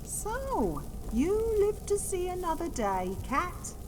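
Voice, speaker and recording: Game casting: actress as shrewd folksy female bookmaker, lively pitch, unhurried delivery. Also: exaggerated voice. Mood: dry. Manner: folksy, plainspoken. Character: brisk shrewd female fight-pit bookmaker, daughter of a gambler. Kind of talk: fantasy video game character dialogue. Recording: hall reverb, faint noise.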